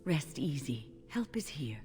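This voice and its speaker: A compassionate female companion in a fantasy game. Her voice is very deep and mellow, moving freely in pitch, with faint music behind. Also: sing-song, a little slow. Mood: soothing, troubled.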